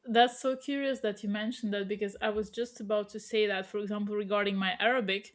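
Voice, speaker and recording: A woman's voice: medium pitch, steady tone, brisk. A woman in a casual discussion, talking in a chatty, explanatory way and offering examples as a panel participant. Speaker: panel participant, language learner.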